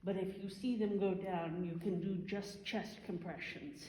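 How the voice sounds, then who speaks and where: A woman's voice: medium pitch, fairly even intonation, dark tone. Echoey woman first aid instructor. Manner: explanatory, halting while thinking. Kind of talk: informal hands-on CPR and defibrillator demonstration. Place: large reverberant room. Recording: echoey hall, faint background noise.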